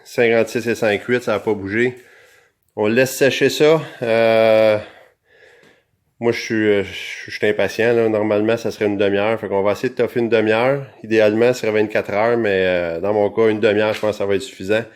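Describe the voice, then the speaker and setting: A man's voice: lowish voice, steady tone, a little fast. A man with a Québécois accent and an electronically altered voice, chatting casually through a do-it-yourself demonstration as the show's host. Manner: chatty, talks directly to viewers. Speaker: DIY show host. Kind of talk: casual how-to explanation.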